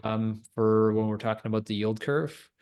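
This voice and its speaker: A man's voice: lowish voice, fairly even intonation, normal speed, a little mellow, clean tone. Thoughtful man on a finance podcast. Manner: thoughtful, hedging, laughs between points. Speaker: co-host. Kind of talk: casual finance podcast chat.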